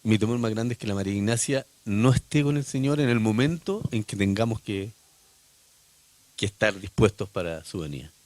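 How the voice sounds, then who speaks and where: A man's voice: on the low side, expressive, moderate pace, a little mellow, no echo. A man speaking earnestly about his faith in a church interview.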